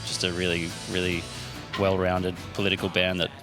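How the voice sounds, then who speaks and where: A man's voice: low voice, completely flat delivery, normal speed, music in the background. A man in a band, chatting loosely in an interview with many restarts. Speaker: band drummer, guest. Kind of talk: casual interview chat.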